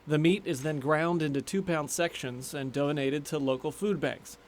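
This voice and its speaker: A male news reporter reading a scripted story in a crisp, measured way. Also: a little high, slight background noise. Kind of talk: scripted news narration, then casual studio chat.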